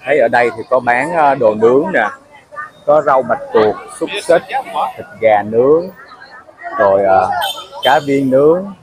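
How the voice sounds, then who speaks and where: A man's voice: mid-range voice, animated, a little slow, long pauses, a faint crowd. A man narrating a casual travel vlog, chatting to viewers as he walks through a crowded night market. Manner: chatty, explains to viewers with fillers. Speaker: travel vlogger.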